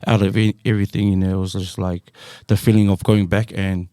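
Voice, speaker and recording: A man's voice: sits low, level tone, brisk, mellow, no room sound, studio quality. A man chatting casually as an interview guest, loose and slangy. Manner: loose, slangy, punctuated with "you know". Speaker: musician guest being interviewed. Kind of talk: casual chat.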